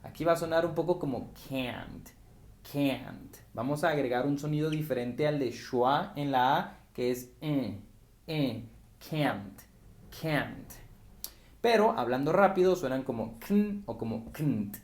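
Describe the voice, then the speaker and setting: A Spanish-speaking man teaches an English pronunciation lesson in an echoey room. He explains patiently and says the example words over slowly. His voice sits slightly high. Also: animated, darkish tone.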